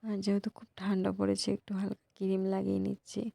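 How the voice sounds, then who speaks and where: A young woman, hoarse from a cold, talking softly to her viewers in a casual vlog. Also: completely flat delivery, fast, no echo. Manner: soft, low-volume talk. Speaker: vlogger.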